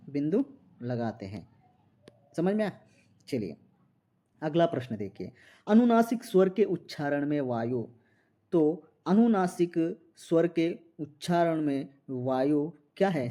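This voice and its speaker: A man's voice: a little high, dark tone. A man teaching a Hindi exam-prep lesson, explaining step by step and often asking the students if they follow. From India. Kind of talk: classroom MCQ lesson.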